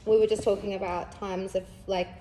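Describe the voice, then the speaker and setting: A woman's voice: medium pitch, little pitch movement, fairly quick, warm tone, a little hiss or hum. A young woman, chatting candidly as a podcast host, rambling with lots of fillers and laughing through heavy subjects. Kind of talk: casual candid chat.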